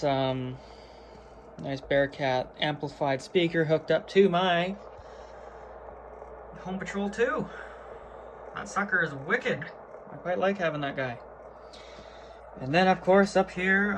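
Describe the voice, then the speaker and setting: A fairly high-pitched, somewhat bright voice belongs to a hobbyist presenter casually walking through his gear without a script. It's matter-of-fact and slangy, recorded indoors on noisy amateur video.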